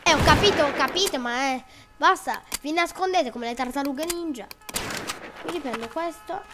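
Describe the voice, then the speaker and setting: A gameplay creator giving casual, jokey commentary over a shooter game, often yelling at the screen and dropping to a whisper when hiding. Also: female voice, high-pitched, moderate pace, very noisy. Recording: loud gunfire from the game behind.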